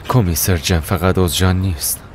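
A man voicing a prosecutor and father, calmly reassuring his wife and giving orders. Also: low-pitched, slight background noise, natural voice. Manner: soothing, reassuring, firm. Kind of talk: dubbed TV drama.

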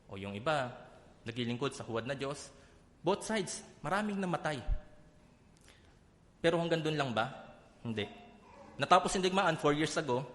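A man's voice: fairly high pitch, fairly bright tone. A man from the Philippines giving a public Bible talk, often asking the audience rhetorical questions. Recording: long hall reverb.

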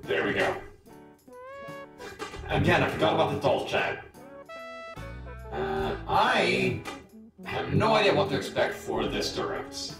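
Streamer, male, voice-changer filter that sounds like a fan, raised and gravelly, swooping pitch. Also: wildly swooping pitch, slow pace, pauses often, heavy reverb, far from the mic, over music. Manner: distracted, fiddling with stream settings. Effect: accidental voice-changer filter, sounds like talking into a fan. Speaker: livestreamer. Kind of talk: casual live-stream chat.

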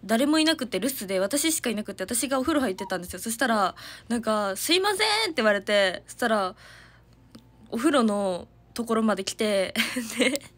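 A woman's voice: fairly high pitch, moderate pace. A young woman, chatting casually and giggling on a livestream from her family home, reading out viewer comments. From Hiroshima, Japan. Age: young adult. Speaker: idol livestreamer.

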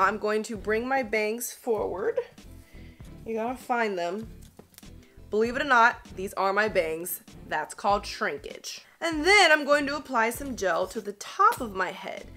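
A woman in her thirties, a beauty vlogger, coaches viewers through a hair tutorial in a chatty, upbeat way from a small studio with a grey backdrop. She has a fairly high, sharp-toned voice with big pitch swings and a measured pace. Faint music plays behind her.

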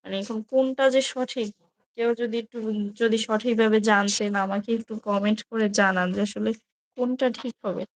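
A woman, talking casually with many fillers and hesitations, then slowing into a drawn-out chant for recited verses. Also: fairly high pitch, no room sound, low-quality recording. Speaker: video creator comparing Quran editions. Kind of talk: casual explanation with slow recitation.

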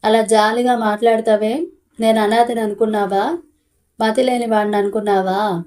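A woman's voice: on the high side, fairly even intonation, normal speed, darkish tone, lightly acted. A woman voicing an indignant middle-aged husband who complains bitterly, in a storybook reading. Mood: aggrieved.

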